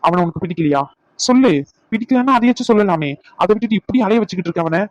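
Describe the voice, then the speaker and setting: A woman's voice: medium pitch, animated, racing, dry recording, muffled recording, close to an everyday voice. An actress playing a blunt friend who lectures another woman. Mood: lecturing.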